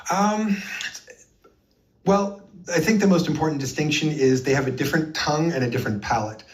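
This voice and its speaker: A man's voice: fairly high pitch, a little fast, distant mic. A man being interviewed, recounting his experiences earnestly and with emphasis, with frequent fillers. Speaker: interview guest.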